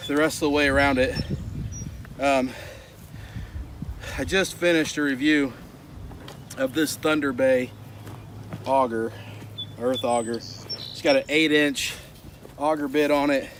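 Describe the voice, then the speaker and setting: A man's voice: medium pitch, slow, long pauses, slight background noise. A man vlogging casually outside in his garden, slightly out of breath and chatty with lots of fillers. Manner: chatty, excited, loose with fillers. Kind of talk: casual chat. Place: outdoors in a rural garden.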